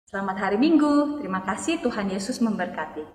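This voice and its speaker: A woman leading a children's church service, giving calm, measured announcements. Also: medium pitch, roomy sound, long reverb tail, recorded from a distance. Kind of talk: scripted announcements.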